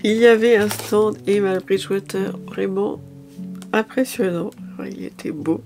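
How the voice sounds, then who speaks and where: A woman's voice: mid-range voice, a little slow, creaky, music in the background. A woman chatting casually through a shopping haul video, a little tired, hesitant, with many fillers and restarts. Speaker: lifestyle vlogger.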